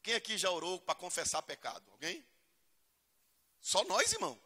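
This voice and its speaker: A man's voice: high-pitched, huge pitch swings, normal speed, bright, forceful tone. A male pastor preaching a humorous sermon in a church, acting out prayers in voices. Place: church hall. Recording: long church reverb.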